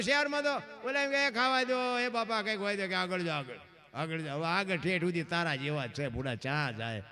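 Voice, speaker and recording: A man's voice: high voice, fairly bright tone. A man, telling a folk story in dayro style and acting out the voices of its characters.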